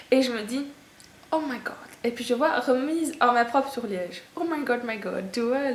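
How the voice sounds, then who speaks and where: A young woman with a Belgian French accent, chatting in a casual haul video, gushing and self-mocking with lots of fillers. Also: a little high. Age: young adult. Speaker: beauty vlogger. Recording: echoey room with faint ambient noise.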